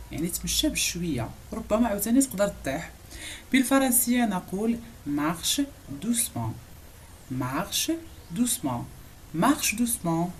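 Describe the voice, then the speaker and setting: A woman with a Moroccan accent teaching French phrases, saying each one slowly and repeating it before a quick explanation. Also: mid-range voice, a little mellow, slight background noise. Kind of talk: language lesson explaining phrases.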